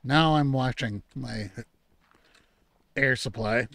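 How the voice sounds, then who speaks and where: A relaxed man talking his way through a game in a loose, rambling manner, thinking out loud as he goes. His voice sits at an ordinary middle pitch. The sound is close and dry, with no room around it. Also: slow pace, gravelly, dry recording. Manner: easygoing, rambling, talks to himself about the game; mock-outraged scolding at game animals. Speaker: gaming channel host. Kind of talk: relaxed let's-play commentary.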